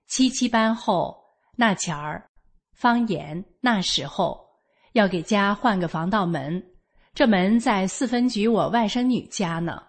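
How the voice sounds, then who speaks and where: A woman's voice: mid-range voice, unhurried. Older woman with a Northeastern Mandarin accent. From Northeast China. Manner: homely, matter-of-fact telling with lively local expressions. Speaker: storyteller sharing a personal account. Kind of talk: first-person storytelling.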